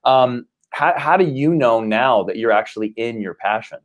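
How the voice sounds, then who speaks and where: A man's voice: medium pitch, normal speed, muffled recording. A man in his forties hosting a live-streamed conversation over a remote call, upbeat and loose, with many fillers and restarts. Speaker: host and company CEO.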